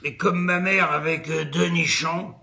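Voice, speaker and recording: A man voicing a six-year-old boy who answers in a booming, gruff low voice. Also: steady tone, a little slow, bright, forceful tone, heavily acted. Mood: deadpan.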